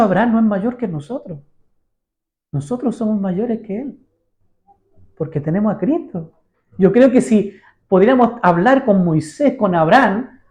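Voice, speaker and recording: A man's voice: high-pitched, warm tone, dull audio. A man preaching a sermon in a church. He speaks conversationally, keeps asking his listeners questions and acts out the voices of the people in his stories. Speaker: pastor.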